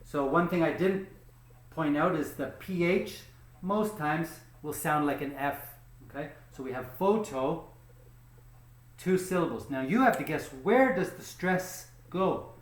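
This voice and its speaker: A man teaching English pronunciation in a slow, patient lesson, often checking in with "okay?" and stretching out the example words. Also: on the high side, animated, reverberant.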